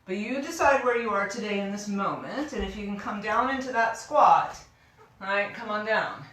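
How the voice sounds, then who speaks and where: A woman instructing a yoga class in a careful, unhurried way, gently cueing each step with informal encouragement. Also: mid-range voice. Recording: very echoey room, distant microphone.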